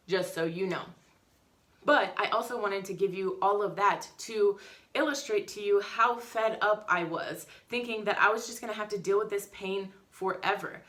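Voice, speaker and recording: A woman's voice: medium pitch, moderate pace. A woman vlogging in a casual storytelling way, frank and outspoken, acting out what people said. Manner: frank and outspoken, swears freely; animated, acts out quotes. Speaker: family vlogger.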